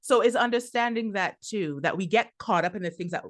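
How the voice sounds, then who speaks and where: A woman's voice: mid-range voice, brisk. A woman from Trinidad and Tobago, a business coach, talking as a podcast guest in an encouraging, laughing manner. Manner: encouraging, laughs often, emphatic repetition. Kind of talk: casual interview chat.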